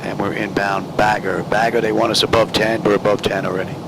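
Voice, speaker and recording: Man, low pitch, flight sim pilot, casual running commentary, radio readbacks, noisy cockpit drone. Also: flat delivery, a little fast, gravelly. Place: home or fixed-base cockpit simulator. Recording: loud cockpit drone and air-conditioning hum.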